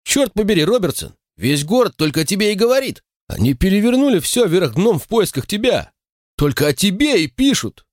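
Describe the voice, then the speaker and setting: This is a loud, brash man who gets carried away, as an audiobook reader puts him on. His voice sits high and bursts out in exclamations. The reading is dry and close. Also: very animated, fairly quick, no echo. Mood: excited.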